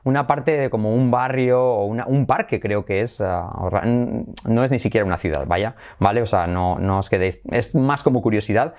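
This Spanish-accented man from Spain has a low, slightly mellow voice and talks at a normal speed with few pauses. He gives a playful bilingual English pronunciation lesson, exaggerating words as he repeats them.

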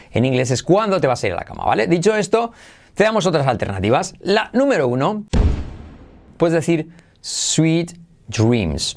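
Man teaching English pronunciation. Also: medium pitch. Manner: drills phrases slowly and repeats them. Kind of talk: podcast pronunciation lesson.

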